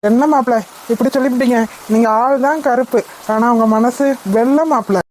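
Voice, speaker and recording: Woman doing cartoon relatives, kinda high voice, faint hiss behind. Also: steady tone, a little fast, a little mellow. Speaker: cartoon voice-over artist. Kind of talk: cartoon voice acting.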